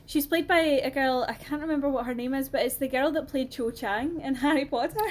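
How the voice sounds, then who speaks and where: A Scottish woman with a somewhat high voice talks on a podcast. She chats in a relaxed, expressive way about films she has watched. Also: a little fast. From Scotland. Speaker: podcast co-host. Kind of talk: casual film discussion.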